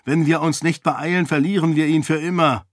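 A man's voice: medium pitch, animated, normal speed, a little mellow, no room sound, studio quality, lightly acted. A man doing a scheming young nobleman, urgent. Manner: commanding, pressing. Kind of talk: audiobook character voice.

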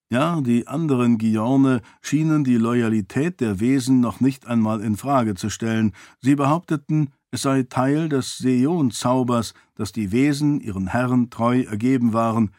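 A man reading a fantasy audiobook in a measured, clear storytelling manner. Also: mid-range voice, darkish tone, no room sound, clean studio sound. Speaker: audiobook narrator. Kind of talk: scripted fantasy narration.

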